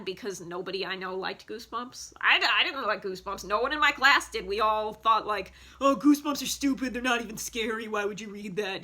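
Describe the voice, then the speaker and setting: A woman in her thirties talks casually in her basement, rambling with plenty of fillers and false starts. Her voice is bright and forceful and sits a little high. She is recorded on a phone. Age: 30s. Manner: rambling, chatty, many fillers and restarts. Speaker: vlogger. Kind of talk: casual nostalgic show-and-tell. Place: home basement.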